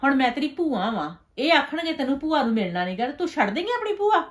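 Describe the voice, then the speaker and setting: High-pitched nosy village auntie, played by a woman, gossipy and scolding, keeps asking "haiṅ?", web series drama. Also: sing-song, fast talker, faint music behind. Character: meddling scheming village aunt, sharp-tongued. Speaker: paternal aunt.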